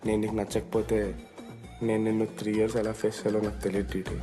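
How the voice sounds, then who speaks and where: A man's voice: on the low side, monotone, racing, lightly acted. An actor playing a sly young male college student who coaxes and half-apologizes to a friend. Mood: apologetic. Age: young adult. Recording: film soundtrack with music behind.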